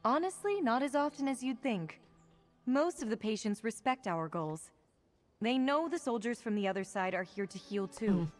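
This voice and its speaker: An actress playing a caring but stern healer in a video game, speaking in an earnest, measured, polite way. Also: female voice, a little high, lively intonation, faint music behind, lightly acted. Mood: calm, explaining. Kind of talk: video game quest dialogue.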